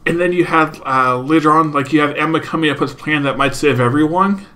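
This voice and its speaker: A man's voice: on the high side, a little fast. A man co-hosting a podcast, chatting casually through his notes about an anime episode. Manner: talks through notes, steady and agreeable. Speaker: podcast co-host. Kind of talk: casual anime review chat.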